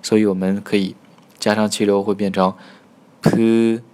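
A man teaching Korean pronunciation in a recorded lesson, patiently demonstrating sounds slowly and repeating them. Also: lowish voice, monotone, darkish tone.

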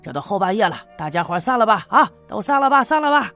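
A man's voice: high-pitched, big pitch swings, fast talker, bright, forceful tone, faint music behind, full character voice. A man voicing a sly, scheming middle-aged village man in a storybook tale, talking in a coaxing, wheedling way. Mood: placating.

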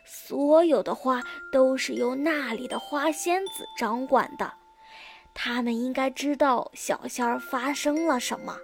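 A woman voicing a kind, wise old grandfather in a children's story, speaking slowly and gently. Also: high-pitched, gravelly, faint music behind. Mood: gentle.

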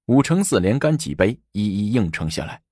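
A man narrating a historical tale with an animated, dramatic delivery. His voice is low, and his pitch swings widely from line to line. The recording is close and dry. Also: normal speed, no echo. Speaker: storyteller. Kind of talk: storytelling narration.

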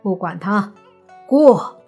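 Story read-aloud: woman playing a haughty male emperor, commanding and unhurried. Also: medium pitch, expressive, darkish tone, husky, soft background music, heavily acted. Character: proud, self-assured male emperor in disguise.

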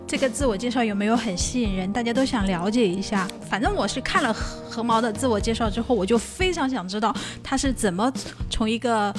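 A woman's voice: on the high side, fairly quick, hardly any pauses, music in the background. A woman hosting a podcast in a chatty, casual way, talking to guest and listeners. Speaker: podcast host.

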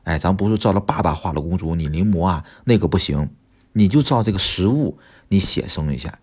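A man, a drawing teacher and host, giving casual advice to parents and telling animated stories full of interjections. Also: sits low, brisk. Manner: animated storytelling with frequent interjections.

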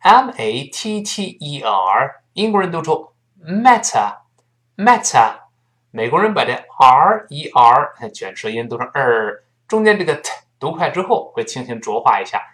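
A man teaching a spoken English lesson in Mandarin Chinese, spelling words letter by letter and drilling phrases slowly. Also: medium pitch, very animated, fairly bright tone.

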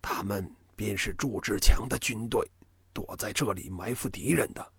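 A male narrator voicing an old, stern martial-arts master who speaks in a hushed, low whisper. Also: animated, unhurried, vocal fry, husky, no echo, exaggerated voice. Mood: hushed urgent.

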